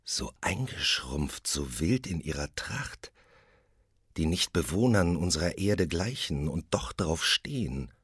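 A man voicing a wary noble warrior companion who speaks with hushed wonder and earnest demands. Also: deep voice, animated, slow pace, husky, dry recording, clean studio sound, full character voice.

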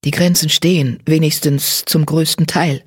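A reader doing Sturmpelz, a calm grey tomcat. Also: mid-range voice, normal speed, slightly rough, dry recording, clean studio sound, close to an everyday voice. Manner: calm and composed. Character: broad-shouldered grey tomcat, calm patrol leader.

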